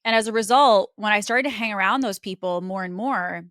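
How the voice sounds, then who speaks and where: A woman's voice: mid-range voice, a little fast, a bit bright, dry recording, clean studio sound. A woman hosting a podcast, speaking in an earnest, reflective monologue with a casual conversational flow. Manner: earnest, conversational, with frequent "like" and "you know". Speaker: podcast host.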